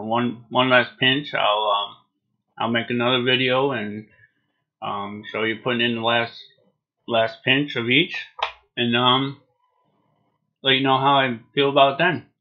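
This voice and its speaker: A man in his forties giving a casual, unscripted review in a laid-back, hesitant way with trailing phrases. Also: mid-range voice. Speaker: product reviewer. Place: small home room, indoors. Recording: dull lo-fi webcam sound.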